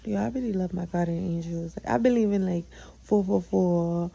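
A woman's voice: fairly low pitch, moderate pace, creaky, warm tone, husky, rough recording. A young woman hosting her own podcast, chatting casually and candidly about her day, swearing freely and hyping herself up. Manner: chatty, candid, profane, self-affirming. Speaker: podcast host. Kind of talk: casual solo vlog chat.

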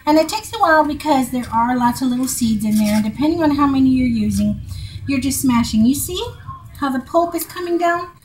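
Demonstrating a recipe in her home kitchen, this middle-aged cooking vlogger talks to her viewers in a casual, folksy way. She speaks a little fast in a high-pitched, expressive voice. The audio is poor, with slight background noise, and comes from a camera placed near her on the counter.

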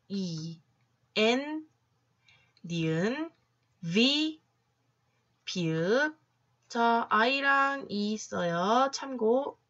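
Woman phonics teacher, slow, bright tone, coaxing, slightly muffled lo-fi audio. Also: medium pitch. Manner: chirpy teacherly coaxing, drawn-out syllables. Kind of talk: online phonics lesson.

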